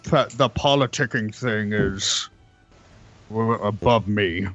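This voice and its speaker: A man role-plays at a tabletop game in a slow, halting voice. He stammers as he goes. The sound is dull and close, with music underneath. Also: lowish voice, fairly bright tone. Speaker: player. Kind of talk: in-character tabletop role-play. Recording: muffled sound with music behind.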